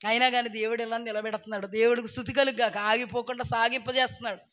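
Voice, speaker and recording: Woman preacher, hoarse and straining; forceful, bright, emphatic, heavy on rhetorical questions. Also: fairly high pitch, little pitch movement, fast. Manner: swings between loud bursts and soft asides. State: hoarse, losing her voice. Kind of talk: sermon.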